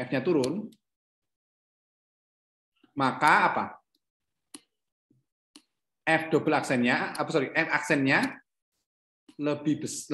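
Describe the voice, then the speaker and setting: A middle-aged lecturer teaches an online calculus lesson from a room at home rather than an office, and the recording sounds echoey. His voice is fairly high and a bit bright; he asks questions, corrects himself as he goes, and keeps saying "ya."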